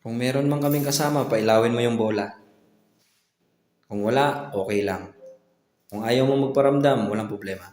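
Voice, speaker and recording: A man's voice: mid-range voice, normal speed, pauses often, a little mellow, roomy sound, big-room sound. A man hosting a ghost hunt, speaking coaxingly and directly to unseen spirits inside an old building at night. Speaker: ghost hunter host. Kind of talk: on-site paranormal investigation talk.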